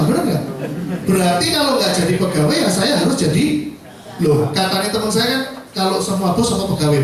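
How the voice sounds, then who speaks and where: A man, giving a joking, self-mocking motivational talk to a class of insurance agents, often laughing and asking the audience questions. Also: high-pitched. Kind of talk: lively motivational seminar talk. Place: classroom seminar. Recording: echoey room, speaker far from mic, faint noise.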